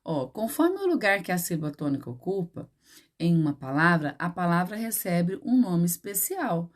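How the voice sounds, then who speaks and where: A woman's voice: lowish voice, sing-song, normal speed. A woman with a Brazilian Portuguese accent, a primary school teacher patiently explaining a lesson to children step by step.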